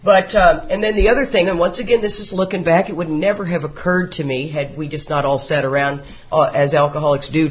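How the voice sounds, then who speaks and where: A man, telling his life story to a recovery group in a folksy, joking way. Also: on the high side. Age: 50s. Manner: folksy, joking storyteller who often laughs. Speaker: recovery meeting speaker. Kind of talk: personal recovery talk to a live group. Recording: dull lo-fi meeting recording.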